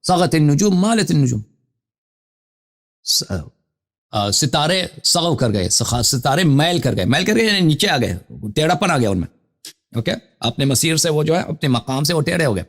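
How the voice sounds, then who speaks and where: A man's voice: on the high side, big pitch swings. Man lecturing from Arabic texts. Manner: reads Arabic citations, then explains them in Urdu with questions to the caller. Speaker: Shia cleric host of a live call-in show. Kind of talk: scholarly lecture reading Arabic sources.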